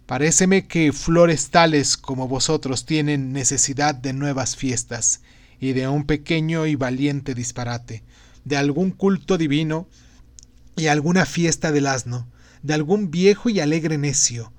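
Zaratustra, a fervent prophet, as a reader puts him on. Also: male voice, fairly high pitch, a little slow, no echo, natural voice. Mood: exhorting. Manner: declamatory, exhorting. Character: lofty male prophet-sage, grave and fervent. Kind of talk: audiobook reading.

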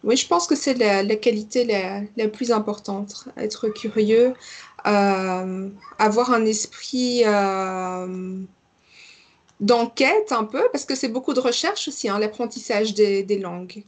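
A woman language teacher in conversation, thoughtful and gently helpful, answering at a measured mid-range pitch. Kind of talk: conversational interview.

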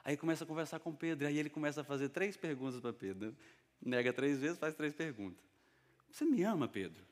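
Man, pastor, sermon, lively storytelling, long church echo. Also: a little high, quick pace. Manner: lively storytelling, acting out dialogue. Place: church hall. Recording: long reverb of a church hall.

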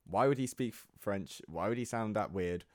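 A man's voice: fairly low pitch, normal speed, no echo, studio quality. A man co-hosting a podcast in casual chat, rambling and laughing easily. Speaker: podcast co-host.

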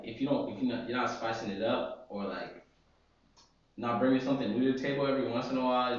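A young man co-hosting a casual podcast chat, laid-back and opinionated, making his points with slang. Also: fairly low pitch. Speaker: podcast co-host. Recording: echoey, dull lo-fi room.

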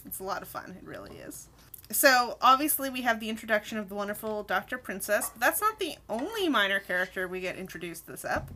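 A woman's voice: medium pitch, fairly quick, slight background noise. A woman co-hosting a podcast, chatting casually and with enthusiasm as she reviews a cartoon episode and steers the talk. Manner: animated, enthusiastic, leads the conversation. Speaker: podcast co-host.

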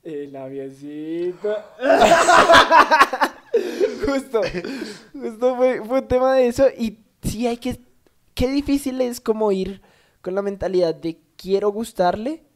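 A woman co-hosts a podcast, chatting casually, laughing easily and handing out dating advice. Her voice is a little high and a bit bright, expressive and unhurried.

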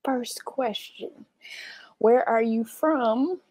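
Woman host asking brisk interview questions. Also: fairly high pitch, darkish tone, breathy edge. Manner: brisk questions, short backchannels. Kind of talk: casual interview.

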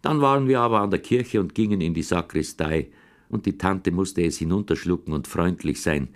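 A male audiobook narrator reads a boy's first-person tale in a lowish voice. His scripted narration is steady and plain. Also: normal speed.

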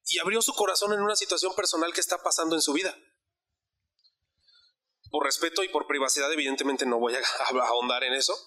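A man's voice: fairly high pitch, pushed and bright. A man preaching a sermon, telling a personal story in a conversational way and asking the congregation questions.

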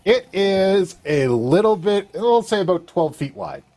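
A man as dungeon master, calmly explaining rules and outcomes in a casual tabletop game. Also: high voice, unhurried, vocal fry.

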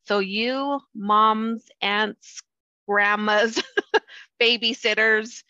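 A woman's voice: a little high, fairly even intonation, drawn-out words, bright, forceful tone, no room sound. A middle-aged woman hosting a podcast, chatty and encouraging in casual conversation. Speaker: podcast host. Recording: dull, dry lo-fi sound.

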